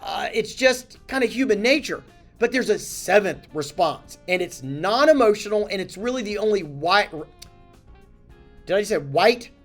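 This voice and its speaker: A man, a company chief, giving a casual, animated talking-head lesson on handling crises, blunt and self-correcting. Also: high voice, moderate pace, faint music behind. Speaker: company CEO teaching communication.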